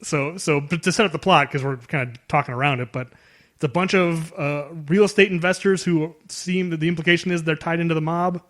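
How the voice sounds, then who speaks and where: A man co-hosting a podcast in casual chat, who laughs and acts out quick impressions. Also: a little high, a bit bright. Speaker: podcast co-host. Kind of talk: casual chat about a movie.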